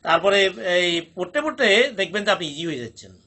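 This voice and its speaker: A man teaching Quran pronunciation in a recorded lesson, drilling each sound slowly with repetition. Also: high voice, very animated, sharp tone.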